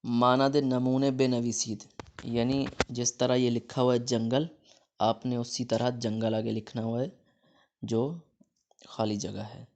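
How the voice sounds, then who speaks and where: A man with a Pakistani Urdu accent teaching a Persian lesson, saying each word louder and then explaining it more quietly. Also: medium pitch, flat delivery. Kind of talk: classroom-style lesson explaining vocabulary.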